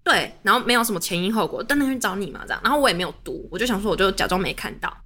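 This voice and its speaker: Chatty and lively, this young woman hosts a podcast and spins a casual story at a quick, vivid clip, her Taiwanese Mandarin accent clear. Her tone is bright and forceful, and her pitch rises and falls widely.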